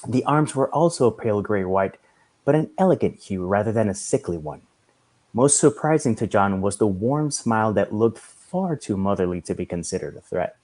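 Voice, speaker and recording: A man reading a story aloud in a measured storytelling manner. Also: lowish voice, lively intonation, a little mellow. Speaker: reader.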